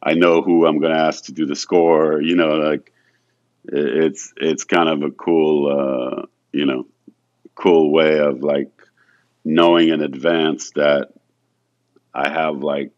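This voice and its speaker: Slow and rumbling low, with little movement in pitch, this man comes through on a muffled recording. He's a French photographer guesting in an interview, speaking softly and hesitantly, full of restarts and "you know."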